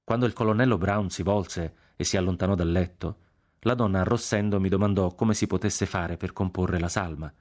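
A man reading a novel aloud on a radio program in a measured, grave, unhurried way. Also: low voice, steady tone, darkish tone. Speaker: audiobook reader on a radio program.

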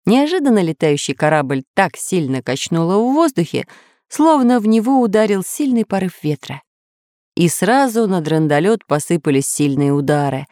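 A woman's voice: fairly low pitch, no echo, clean studio sound. A woman narrating a children's adventure story expressively. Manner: expressive, lively.

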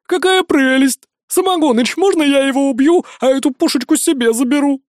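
A man's voice: very high voice, a little fast, no room sound, studio quality, pitched above the performer's own voice. A man voicing a gleeful, bloodthirsty young female bandit in an audiobook, squealing. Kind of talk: audiobook character voice.

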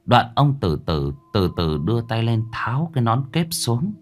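A man narrating a horror story in a dramatic, suspenseful manner, slowing down for tense moments. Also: medium pitch, big pitch swings. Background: soft background music.

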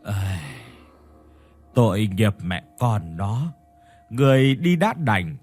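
A man's voice: on the low side, sing-song, slow, darkish tone, husky, faint music behind, heavily acted. A man doing a brooding old village man. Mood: uneasy.

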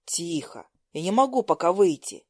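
A woman voicing a cocky, teasing teenage boy who talks low and sly. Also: sing-song, moderate pace, darkish tone, slightly rough, no room sound, studio quality. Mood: sly, defensive.

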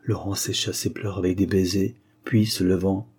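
A man narrating a classic novella as an audiobook in a measured, expressive way. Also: sits low, husky.

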